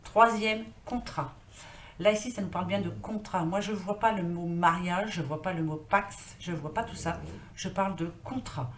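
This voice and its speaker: A woman's voice: fairly low pitch, moderate pace. Woman chatting thru a card reading, rambly, lots of euh, echoey room. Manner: chatty, rambling, thinks aloud with many fillers. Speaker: tarot card reader. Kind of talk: casual card-reading vlog. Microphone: built-in computer mic. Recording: echoey room, faint noise.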